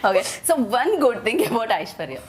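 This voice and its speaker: Fast-talking woman interview host. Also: fairly high pitch, big pitch swings, a little hiss or hum. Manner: chatty, many quick acknowledgements. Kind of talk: casual interview mixing English and Telugu.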